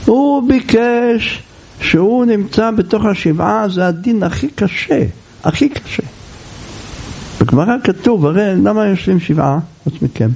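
A middle-aged man giving a Torah sermon, impassioned, swinging between near-shouting and low asides. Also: expressive, vocal fry, husky. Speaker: rabbi teaching the weekly portion.

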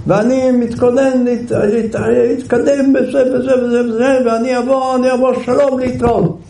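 A man playing an irritable passerby who rushes and barks a letter aloud; dark, roomy sound. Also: extremely high pitch, flat delivery, gravelly, pitched above the performer's own voice. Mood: impatient. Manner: rushed, barking, stumbling over words. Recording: roomy, distant, faint background hiss.

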